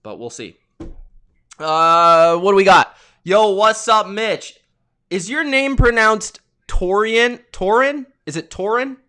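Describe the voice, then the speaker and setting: A young man runs a live sports reaction stream from his desk mic. His voice sits high and sounds bright and sharp. He is excitable and talkative, greeting viewers by name between plays. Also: slow pace, clear, resonant tone.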